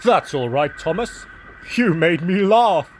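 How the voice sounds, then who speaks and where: A man's voice: fairly high pitch, animated, slow, slight background noise, pitched above the performer's own voice. A man voicing a big, proud male express engine in a storybook, speaking grandly with a chortle.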